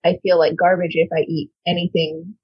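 A woman's voice: fairly low pitch, flat delivery, brisk, breathy edge, no room sound, highs cut off. A woman in her twenties playing a tabletop role-playing game, talking in a wry, rambling way. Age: 20s. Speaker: player. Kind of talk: casual chat in a tabletop game.

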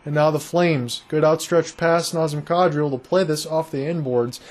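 A man's voice: a little high, steady tone, moderate pace. A man giving live hockey play-by-play commentary, with chatty, conversational asides to his listeners.

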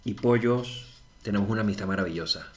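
A man's voice: lowish voice, fast. A man co-hosting a comedy podcast, playful and bantering. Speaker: podcast co-host.

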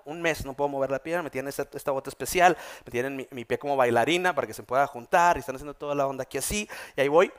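A man in his twenties from Mexico, a pastor with a northern Mexican accent, preaching a sermon and telling stories in an animated way. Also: on the high side. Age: 20s. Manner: animated, vivid storytelling preacher. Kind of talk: sermon with storytelling.

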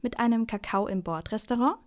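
A woman voicing a grumpy grown man on a train in a storybook reading, with a mumbling, gruff manner. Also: on the high side, a little fast, close to an everyday voice. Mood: friendly.

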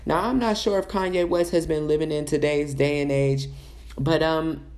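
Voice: mid-range voice, steady tone, normal speed, a little mellow. A commentator giving casual celebrity gossip commentary in a sassy, chatty way, full of asides and fillers.

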